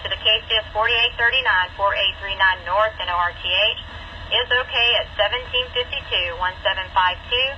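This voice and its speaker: A woman's voice: medium pitch, moderate pace, bright, forceful tone. A woman speaking over a two-way radio as a railroad radio operator, firm and instructive as she spells out procedure. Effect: two-way radio transmission. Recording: muffled radio with faint noise.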